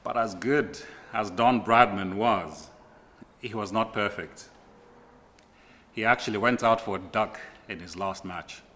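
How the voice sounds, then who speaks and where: Male preacher, middle-aged, unhurried and emphatic, repeats lines for weight, lowish pitch. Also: a bit bright. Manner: emphatic repetition of key phrases; slow deliberate delivery with dramatic pauses. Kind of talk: sermon.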